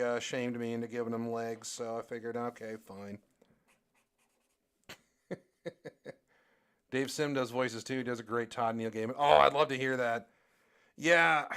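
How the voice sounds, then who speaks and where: A man's voice: mid-range voice, a bit bright, clear, resonant tone. A young man chatting casually on a live stream while he draws, rambling with lots of fillers and restarts. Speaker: streamer and artist.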